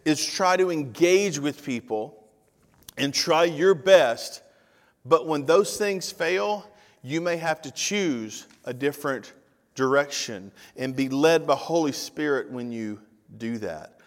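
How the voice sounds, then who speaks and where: A Tennessee pastor in his fifties preaches a conversational sermon in a church sanctuary, often turning to address the congregation directly. His voice is on the high side, with lively intonation and a measured pace. The recording carries the long reverb of a church hall.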